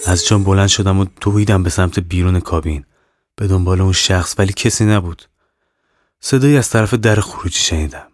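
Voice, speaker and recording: A man narrating a serialized horror audio novel in the first person, calm and measured. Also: low-pitched, no room sound, clean studio sound. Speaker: narrator and author.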